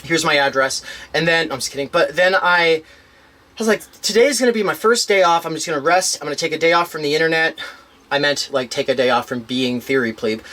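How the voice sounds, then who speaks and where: A man telling a long personal story in casual conversation, rambling with restarts and fillers, animated as he retells events. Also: on the high side, brisk. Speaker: interviewee.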